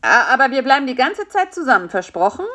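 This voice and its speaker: A woman's voice: medium pitch, big pitch swings, moderate pace, voice pushed up. A woman voicing a fat, lazy male spider who acts the know-it-all but is timid at heart, in a storybook reading. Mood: anxious. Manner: sleepy, smug, fretful. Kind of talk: storybook character voice.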